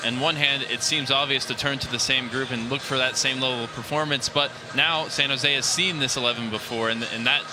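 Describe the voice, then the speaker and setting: A man's voice: medium pitch, steady tone. Polished male radio play-by-play announcer. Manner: brisk, polished, statistics-heavy delivery. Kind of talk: radio sports broadcast. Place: stadium broadcast booth.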